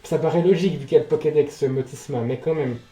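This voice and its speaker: A man doing casual let's play commentary, reacting out loud, swearing and talking to the game. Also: fairly high pitch, quick pace. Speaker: gaming video host. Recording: roomy echo, game music behind. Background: game music.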